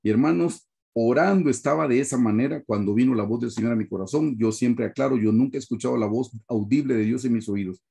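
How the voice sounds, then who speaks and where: A male pastor with a Guatemalan accent shares a heartfelt testimony over a video call. His gravelly voice has a dark, mellow tone, and he keeps addressing the congregation as brothers. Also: medium pitch, fast, few pauses. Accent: Guatemalan Spanish.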